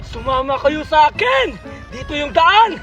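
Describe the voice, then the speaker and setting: A performer voicing a greedy sea-creature ogre who pretends to be a kind host, loud and scheming. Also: high voice, sing-song, a little slow, highs cut off. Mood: bossy. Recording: music playing behind.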